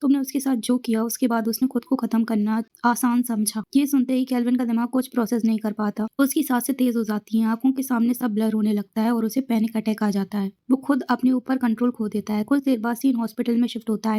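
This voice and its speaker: A woman's voice: fairly high pitch, steady tone, fast talker, hardly any pauses, mellow. A woman narrating a drama episode recap in a dramatic, suspenseful storytelling manner.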